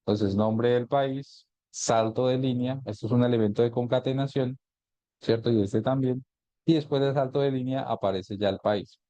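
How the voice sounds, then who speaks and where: A man teaching an online class on mapping software, explaining each step and often checking in with a quick question. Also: medium pitch, fairly even intonation, no echo, lo-fi sound. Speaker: GIS instructor. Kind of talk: live online class, screen-share tutorial.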